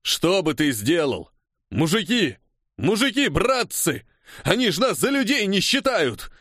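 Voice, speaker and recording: A man's voice: sits high, big pitch swings, slow pace, dry recording, studio quality, pitched above the performer's own voice, full character voice. Man voicing a rowdy mustached worker. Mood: rousing. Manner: agitated, shouting to rouse a crowd. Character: mustached middle-aged worker extra, rowdy and excitable.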